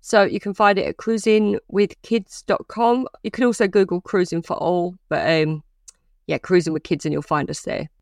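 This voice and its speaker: A woman's voice: lowish voice, steady tone, normal speed, vocal fry, no room sound, studio quality. A woman who is a parent, speaking as a podcast guest in an easygoing, conversational way with fillers. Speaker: podcast guest, parent running a family cruise group. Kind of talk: casual podcast chat.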